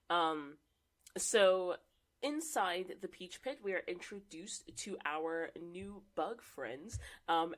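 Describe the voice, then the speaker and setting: Chatty low-voiced woman podcast co-host. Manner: upbeat, chatty, many fillers. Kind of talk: casual chat.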